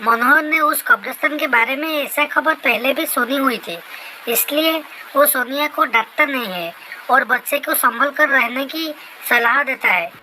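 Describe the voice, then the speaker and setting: A woman narrating a Hindi horror story in a steady, suspenseful way. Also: high-pitched, a little slow, slight background noise, rough recording.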